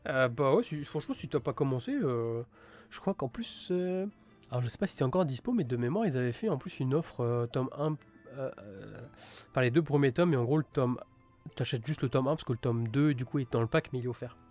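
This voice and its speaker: Male streamer, mid-pitched, chatty and halting, soft music under the voice. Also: animated. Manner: rambling, many fillers and restarts; enthusiastic about gory titles. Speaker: streamer reviewing manga. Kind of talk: casual live-stream chat.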